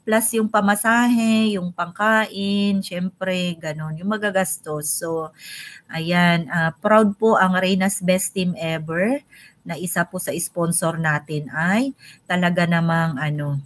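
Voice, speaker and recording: A woman's voice: lowish voice, steady tone, slow pace. A young woman hosting a casual live stream, chatting and greeting viewers by name.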